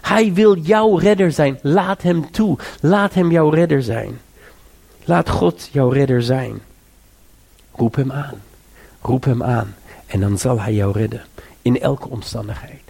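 Male preacher, husky gravelly voice, earnest repeated appeals, sermon delivery. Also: slow pace, a little mellow. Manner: earnest exhortation, repeats and rises in pitch to urge listeners.

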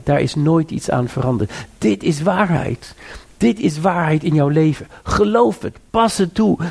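Male preacher, husky gravelly voice, earnest repeated appeals, sermon delivery. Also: a little mellow. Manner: earnest exhortation, repeats and rises in pitch to urge listeners.

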